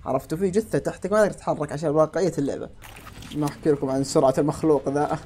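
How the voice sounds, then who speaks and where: A man commentating casually on his own gameplay, talking to viewers and yelling at enemies. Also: a little high, rapid-fire, slight background noise. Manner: excitable, talks to himself and viewers, shouts at enemies. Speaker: gameplay streamer.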